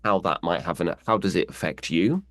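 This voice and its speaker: A man working as a voice actor, answering interview questions in an animated way and playing with his pitch as he explains. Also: fairly quick, dry recording, studio quality. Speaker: voice actor guest.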